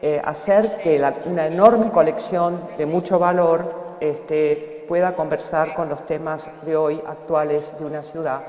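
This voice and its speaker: Her voice low, warm and steady, an older woman from Argentina addresses a conference panel as a foundation director, speaking a little slowly with few pauses, though she often hesitates to find her words. The conference hall adds an echo with long reverb.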